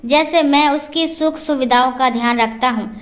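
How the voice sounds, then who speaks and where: Storybook father-in-law, widowed and caring, read by a woman narrator, high-pitched, affectionate. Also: moderate pace, close to an everyday voice. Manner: affectionate, reassuring.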